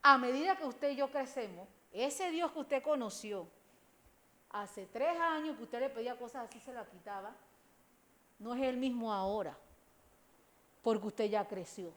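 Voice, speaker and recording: A woman's voice: a little high, normal speed, long pauses, a bit bright. A middle-aged woman pastor with a Panamanian accent, preaching a sermon in emphatic bursts and calling her listeners brothers. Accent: Panamanian Spanish.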